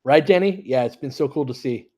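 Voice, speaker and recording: With a warm, medium-pitched voice and lively intonation, a man talks a little fast as host of a fan audio play-by-play stream. He analyses live basketball as it happens and chats casually with listeners. He's informal, conversational and analytical, and swears mildly.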